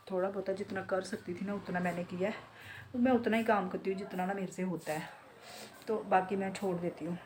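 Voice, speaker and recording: Relaxed chatty woman vlogging from home. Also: on the low side, a little hiss or hum. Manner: chatty, relaxed, talks straight to viewers. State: sore throat from a cold. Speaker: beauty salon owner and vlogger. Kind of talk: casual home vlog chat. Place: home, indoors.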